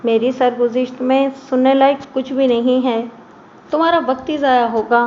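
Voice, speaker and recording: A woman's voice: high voice, steady tone, moderate pace, darkish tone, dull audio, slight background noise, lightly acted. A woman voicing a weary, bitter young man, a wounded fugitive, in an audio story. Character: wounded, bitter young male engineer on the run.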